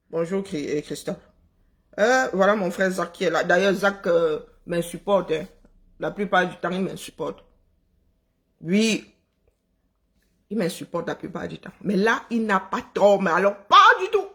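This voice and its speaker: A woman's voice: on the low side, a little slow, long pauses. A woman from Cameroon giving a sarcastic, scolding live-stream monologue to her viewers. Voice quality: self-described unpleasant voice. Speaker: social media commentator.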